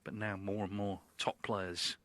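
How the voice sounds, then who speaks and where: A man giving hushed live snooker commentary in a measured, reflective manner. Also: on the low side, flat delivery, no echo. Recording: live broadcast with audience behind. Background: snooker arena crowd.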